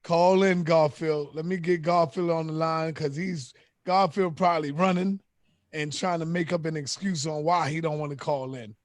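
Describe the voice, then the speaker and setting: A man's voice: a little high, steady tone, normal speed, dry recording. A man hosting a call-in talk show, easygoing and brotherly with his callers. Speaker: host.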